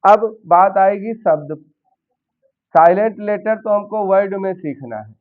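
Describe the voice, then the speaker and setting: A man's voice: high-pitched, animated, a little slow. A man teaching a basic English grammar lesson in Hindi, explaining step by step and asking his learners questions. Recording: tinny phone-like sound.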